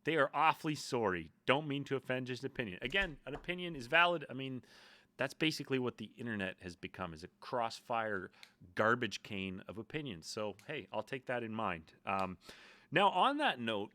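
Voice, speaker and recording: Man with a bright, rambling delivery. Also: lowish voice. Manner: rambling and self-deprecating, many fillers and asides. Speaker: YouTube host. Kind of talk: casual vlog talk to camera.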